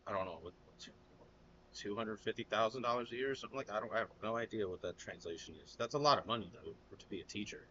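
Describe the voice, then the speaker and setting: American man, fairly low voice, casual reaction host, blunt and loose, slightly dull lo-fi sound. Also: very fast, a bit bright, slight background noise. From United States. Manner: loose and blunt, calls viewers "man" and "dude".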